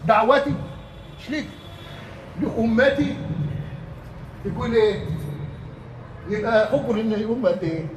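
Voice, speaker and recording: Egyptian guy preaching a friday sermon, really high voice, keeps asking questions for the crowd to finish, sounds far off in a big echoey room. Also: a little slow, pauses often, slight background noise. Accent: Egyptian Arabic. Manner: asks rhetorical questions that the crowd completes, lively and emphatic. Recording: echoey hall, mic at a distance.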